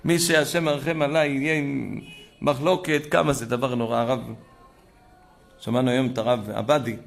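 A man preaching a sermon to a congregation, telling a story with animated swings between loud exclamations and hushed asides. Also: medium pitch, gravelly. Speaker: rabbi preacher.

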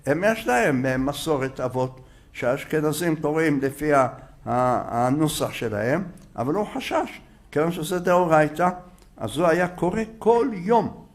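A man with a high voice teaches a religious lesson. He sounds out letters one by one and repeats words to drive a point home, his tone animated throughout. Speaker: rabbi teaching a Torah lesson.

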